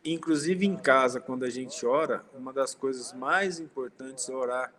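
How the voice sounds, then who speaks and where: A man's voice: mid-range voice, normal speed, a bit bright. A man giving an informal spiritist talk, telling personal stories, speaking directly to his listeners and acting out quoted dialogue. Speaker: spiritist lecturer.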